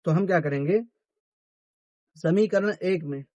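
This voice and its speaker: Male math teacher, answers his own questions, pitched high. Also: measured pace, mellow, no echo, highs cut off. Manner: asks questions and answers them himself. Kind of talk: classroom-style math lesson.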